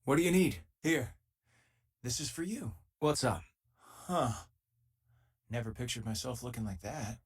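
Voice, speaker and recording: In video game companion dialogue, a man voices a loyal, easygoing former miner who's now a spaceship crewmate. His medium-pitched delivery is husky, casual and wry, unhurried and full of pauses.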